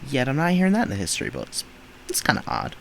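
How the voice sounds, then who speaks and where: A man's voice: medium pitch, wildly swooping pitch, fast talker, vocal fry, fairly bright tone, slight background noise, rough recording. A man hosting a reaction video, talking back at clips in indignant, emphatic rants. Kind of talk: reaction commentary.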